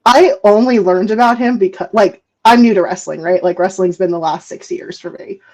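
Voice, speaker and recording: A woman's voice: medium pitch, animated, moderate pace, mellow. Playful, laughing female podcast co-host. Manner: laughs often, playful and teasing. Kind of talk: casual chat.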